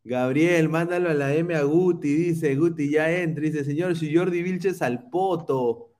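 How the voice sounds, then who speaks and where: A man's voice: a little high, measured pace, darkish tone. A man hosting a football podcast in casual chat, teasing rival fans as he reads viewer comments. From Peru. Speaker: podcast host.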